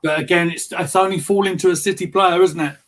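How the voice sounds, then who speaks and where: A man's voice: high-pitched, fairly even intonation, fast talker, a little hiss or hum. A man co-hosting a live football watchalong, chatting through the match and often repeating words as he reacts. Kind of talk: live match commentary chat.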